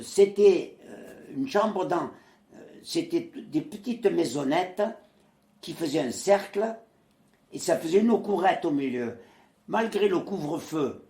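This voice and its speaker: A ninety-something former resistance fighter, originally from Marseille, recounts his war years as an interviewee, voicing the people he quotes and pausing frequently. His voice is a little high, with reverberation around it.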